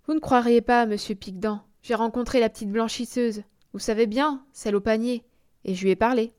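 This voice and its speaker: A woman's voice: on the high side, fairly even intonation, a little fast, a little mellow, no echo, studio quality, lightly acted. A woman voicing a sly, scheming schoolboy.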